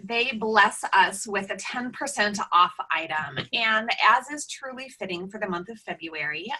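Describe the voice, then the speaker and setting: Bright-voiced woman hosting a webinar. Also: mid-range voice, low-quality recording. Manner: chatty, many ums and pauses. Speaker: webinar host. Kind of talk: casual presenting.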